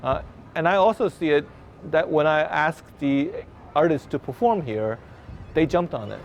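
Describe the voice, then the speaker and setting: A man, a festival organizer, speaking earnestly in an interview with halting phrasing, outdoors. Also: on the high side, slight background noise. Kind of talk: interview answers.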